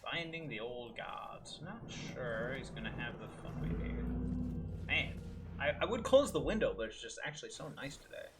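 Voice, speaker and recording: A man's voice: mid-range voice, expressive, moderate pace, heavy background noise. A man giving casual gameplay commentary at home, muttering his thoughts aloud with dry little asides. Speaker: gaming video host. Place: room at home with window open.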